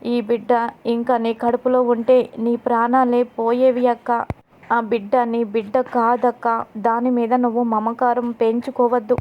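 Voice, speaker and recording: A woman's voice: fairly high pitch, level tone, normal speed, highs cut off, slight background noise, lightly acted. Kavya, an indignant young sister, read by a woman narrator. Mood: consoling.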